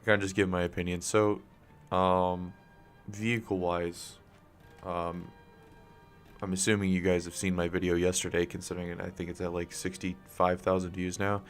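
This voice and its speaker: Freshly awake, this young man streams games from home with a raspy, low-pitched voice, speaking quietly so he won't wake his sleeping family. His live-stream chat is loose and rambling, packed with swearing, fillers and coughs. He's right up against his desk mic.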